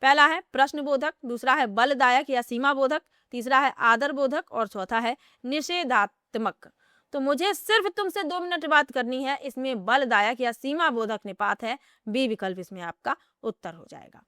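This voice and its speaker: A woman's voice: high voice, moderate pace, pushed and bright, clean tone, dry recording, studio quality. A woman teacher giving an exam-prep grammar lesson, explaining step by step and asking herself rhetorical questions before answering them.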